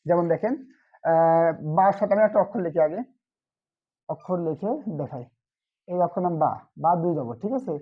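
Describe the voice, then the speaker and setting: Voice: medium pitch, moderate pace, long pauses, narrow, tinny audio. A Quran reading teacher giving an online lesson, asking short questions and answering them himself.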